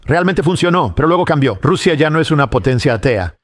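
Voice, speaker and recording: A man giving a sermon as a Bible teacher, explaining and reasoning step by step in a measured way. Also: fairly high pitch, animated.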